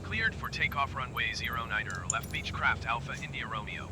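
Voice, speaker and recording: A pilot making clipped radio calls to the tower over a cockpit headset, reading out call signs in phonetic letters. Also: male voice, mid-range voice, expressive, moderate pace, background noise.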